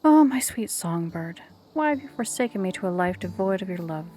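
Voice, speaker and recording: A woman voicing a lovesick, weeping young maiden, speaking in a slow, melodramatic way. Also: mid-range voice, expressive, mellow, slight background noise, lightly acted. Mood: lovelorn.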